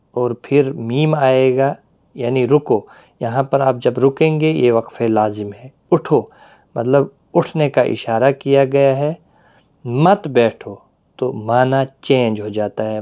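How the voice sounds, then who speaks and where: A man teaching a Quran reading lesson, explaining patiently with pauses and drawn-out fillers. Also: mid-range voice, steady tone, muffled recording.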